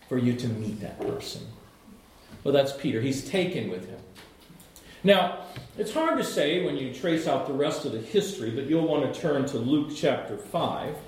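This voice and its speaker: A man's voice: fairly high pitch, big pitch swings, measured pace, a little mellow, a little hiss or hum. A man teaching the Bible, explaining scripture emphatically and restating his points for learners. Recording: very echoey room.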